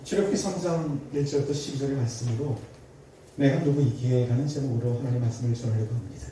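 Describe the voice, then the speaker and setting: A middle-aged male pastor giving a sermon in a church, telling a story and acting out its voices, sometimes shouting angrily. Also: mid-range voice, steady tone, fast, noisy background. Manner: acts out dialogue in a story, shouting angrily in a raised voice. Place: church sanctuary. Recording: echoey church sound from a distance.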